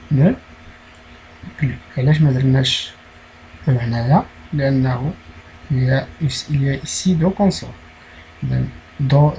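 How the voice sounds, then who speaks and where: A man with a Moroccan accent, teaching a primary school French lesson, explaining slowly and repeating key words. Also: mid-range voice, vocal fry, dark tone, dull audio, a little hiss or hum.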